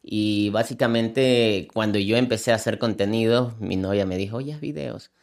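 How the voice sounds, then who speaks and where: A young man from coastal Manta, Ecuador, an animal rescuer and content creator, tells his story in an interview with earnest, heartfelt feeling, often repeating words when moved. His voice is lowish and a little mellow, at a moderate pace.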